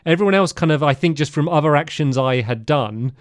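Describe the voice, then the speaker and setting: A man co-hosting a podcast, chatting casually about a game in rambling, animated stories full of fillers. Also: a little high, a little fast, no echo, clean studio sound. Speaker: podcast co-host.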